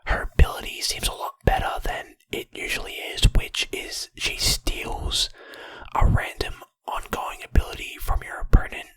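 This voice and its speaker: A person whispering informal, hesitant ASMR commentary on a card game, breathy, with wet mouth clicks, close to the microphone. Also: normal speed, fairly bright tone, no room sound. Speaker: ASMR content creator.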